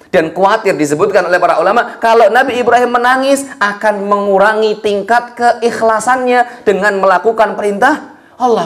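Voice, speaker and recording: A man with a Javanese accent preaching a sermon, telling a story in a lively way with folksy asides to his listeners. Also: high-pitched. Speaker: Islamic preacher. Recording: echoey room.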